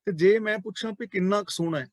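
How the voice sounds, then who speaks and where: A man teaching a religious class, explaining sacred terms slowly and speaking directly to his listeners, often repeating key words. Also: sits high, no echo. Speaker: Sikh scripture teacher.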